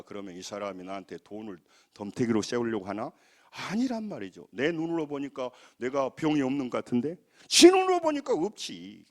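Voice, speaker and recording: A man with a Jeolla accent preaches in a high, bright-pitched voice that swoops up and down with a lot of life. He talks in a folksy, emphatic way and has the congregation say lines back to him. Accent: Jeolla Korean. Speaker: pastor. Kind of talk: sermon.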